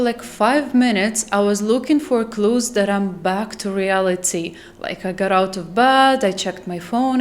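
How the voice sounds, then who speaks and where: Chatty woman telling scary stories. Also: medium pitch. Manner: chatty, animated, laughs at herself. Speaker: former flight attendant telling stories. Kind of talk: casual storytelling to camera.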